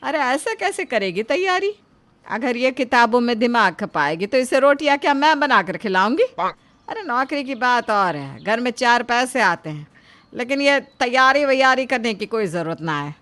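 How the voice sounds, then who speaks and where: A woman voices a sharp-tongued older mother-in-law who scolds in plain, rustic speech. The voice sits rather high. It belongs in a storybook cartoon. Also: animated, normal speed. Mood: scornful. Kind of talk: animated story voice acting.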